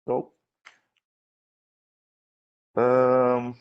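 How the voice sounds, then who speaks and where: Halting, creaky-voiced man, slow academic questioner. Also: mid-range voice, monotone. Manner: halting, hesitant, repeats words while searching for phrasing. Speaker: thesis defense examiner. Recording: dull, lo-fi sound.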